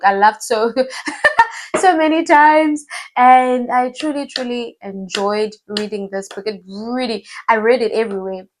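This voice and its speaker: A woman talks through her favorite books of the year in a relaxed vlog. Her delivery is animated and emphatic, and she repeats words to stress a point. Her pitch sits in an ordinary middle range. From South Africa. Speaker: book vlogger. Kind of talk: casual book review.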